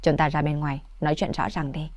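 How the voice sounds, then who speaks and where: A woman voicing a serious young male manager who answers in a steady, firm way. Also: sits low, fast talker, no room sound.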